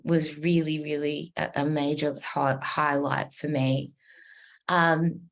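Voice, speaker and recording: Slow-spoken Australian woman. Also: lowish voice. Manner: unhurried, reflective storytelling. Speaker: podcast guest. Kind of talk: podcast interview.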